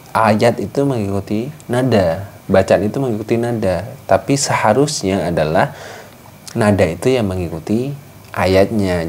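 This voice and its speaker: A man teaching Quran recitation rules in a patient, explanatory way, breaking into slow chanted examples. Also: sits low, a little mellow, a little hiss or hum. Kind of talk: tajwid lesson with recited examples.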